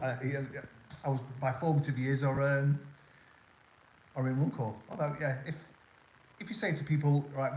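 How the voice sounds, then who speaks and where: An older male livestream host, softly accented from the Liverpool area of northwest England, chats loosely with viewers, pausing to fill gaps with ums and restarting sentences. His voice is mid-range. The audio is roomy and rough, carrying a faint hiss or hum.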